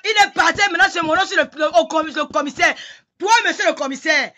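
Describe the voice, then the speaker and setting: A middle-aged woman with a Cameroonian French accent rants furiously on a live stream. Her voice sits high and sounds bright and piercing. She hurls insults and breaks into shouts. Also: quick pace. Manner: heated, insulting, shouting in bursts. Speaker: livestreamer. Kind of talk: angry live-stream rant.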